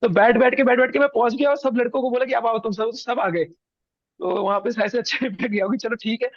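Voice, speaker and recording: High-voiced young man telling a story. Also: quick pace, no room sound, lo-fi sound. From India. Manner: animated, acts out others' lines. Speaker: interview guest. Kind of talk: casual storytelling.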